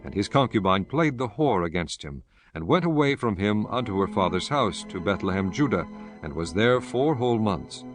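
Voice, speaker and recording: A man narrates scripture from a script in a low-leaning voice, solemn and formal yet expressive, at a moderate pace. Quiet music plays underneath him.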